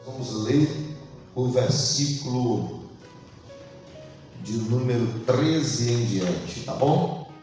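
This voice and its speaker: A pastor with a Brazilian Portuguese accent leads a Bible study sermon in a church hall, asking his congregation questions and prompting them to answer aloud. His mid-range, warm voice has lively intonation, drawn-out words and frequent pauses. Recorded from afar on a distant mic in a very echoey hall, with faint music behind.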